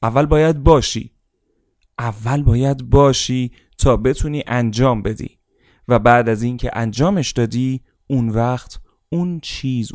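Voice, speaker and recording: A man giving a motivational seminar speech, emphatic and repetitive, often calling on listeners to repeat after him out loud. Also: medium pitch, no echo, clean studio sound. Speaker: motivational speaker.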